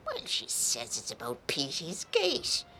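An actress playing a cantankerous, foul-mouthed older Irish aunt who is gruff and suspicious, in a radio comedy. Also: female voice, very deep voice, huge pitch swings, a little slow, heavy background noise, full character voice.

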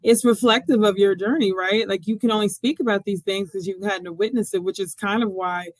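A woman hosts an interview with a mid-range voice, chatty and warmly affirming toward her guest. The sound is dry and close, with no room echo. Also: mid-range voice, steady tone, a little fast. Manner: affirming, chatty, laughs easily. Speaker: interviewer, host. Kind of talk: conversational interview.

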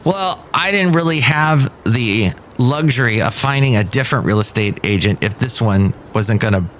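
Lively and fairly bright, this man speaks at medium pitch and normal speed while hosting a podcast in a café. The middle-aged host rambles casually, breaking off mid-thought and drifting away from the subject, over slight background noise.

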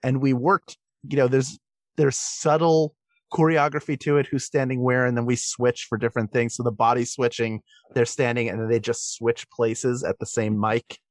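Guesting on a podcast, a man who performs comedy on stage and in voice work explains his thoughts carefully during a conversational interview. His delivery is flat, medium-pitched and moderately paced, with no echo.

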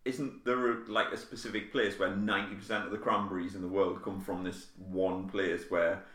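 A man's voice: low voice, flat delivery, normal speed, far from the mic. A man with a northern English accent having a casual chat full of dry, sweary banter. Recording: echoey room, loud chatter behind.

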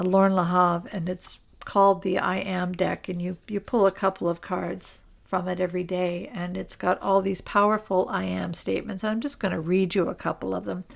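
A woman's voice: fairly low pitch, gravelly. A woman recovery coach giving an earnest, encouraging motivational podcast monologue to her listeners.

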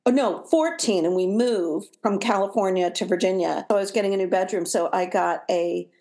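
A woman's voice: medium pitch, normal speed, mellow. Chatty middle-aged lady cohosting a podcast, laughs easy, everyday voice. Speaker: podcast co-host. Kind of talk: casual chat.

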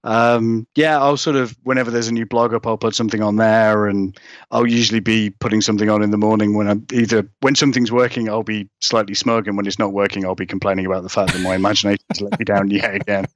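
Calling in remotely from another country, a male horror fiction author talks casually about his writing as an interview guest, rambling, hedging and downplaying himself. His voice sits on the low side with a level tone and a quick pace, captured in a dry recording.

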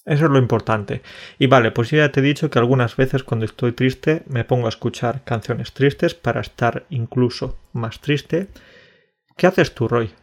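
Reflective man co-hosting. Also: mid-range voice. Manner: reflective, measured and clearly spoken. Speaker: podcast co-host. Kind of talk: casual podcast chat.

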